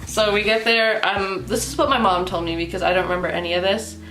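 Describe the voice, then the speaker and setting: Getting ready on camera, a young woman tells a story for a casual vlog in a mid-range voice, talking fast. She giggles and laughs throughout, says "like" constantly, and acts out the other people's lines in animated voices. The room is echoey, with faint music behind her.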